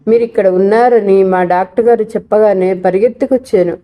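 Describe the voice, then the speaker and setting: A woman voicing a kindly older gentleman. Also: mid-range voice, brisk, muffled recording, natural voice.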